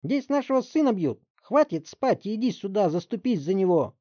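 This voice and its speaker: A man voicing a loud, hot-tempered middle-aged housewife who screams and scolds in a shrill voice. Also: sing-song, normal speed, dry recording, lo-fi sound, full character voice. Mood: shrieking outrage. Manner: shrieking, scolding, outraged.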